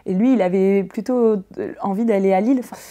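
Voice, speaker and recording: A woman's voice: mid-range voice, fairly even intonation, fast talker, mellow. A woman with a light northern French accent, a podcast guest reflecting aloud in casual conversation. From North of France.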